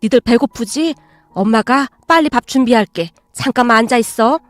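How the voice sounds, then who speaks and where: A woman doing a gentle, patient stepmother. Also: a little high, normal speed, no room sound, lightly acted. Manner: soft, calm, coaxing.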